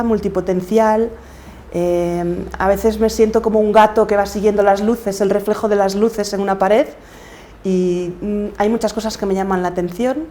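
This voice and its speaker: With a warm, medium-pitched voice, this Galician-accented middle-aged woman from Galicia, Spain, reflects thoughtfully while being interviewed as a guest. She works as a podcaster and coach.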